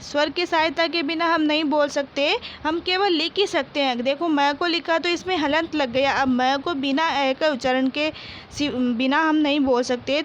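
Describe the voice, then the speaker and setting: A woman with a Rajasthani Hindi accent teaches a primary-school Hindi lesson in a high voice, slowly and patiently. She says every word twice for her pupils and poses questions she then answers herself. The recording is muffled, with a little hiss or hum.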